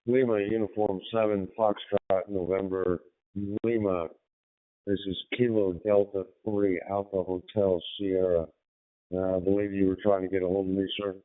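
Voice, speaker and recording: American male ham operator, low and smooth, polite procedural delivery through narrow-band radio. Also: little pitch movement, normal speed. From United States, Pennsylvania. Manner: courteous, formal radio procedure. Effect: radio transmission. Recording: narrow tinny two-way radio audio.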